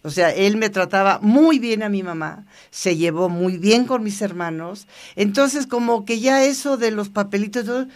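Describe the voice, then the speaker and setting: An older woman, a guest in an interview, telling stories in a lively way, often laughing and acting out quoted dialogue. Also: mid-range voice, moderate pace, hardly any pauses. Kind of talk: casual storytelling interview.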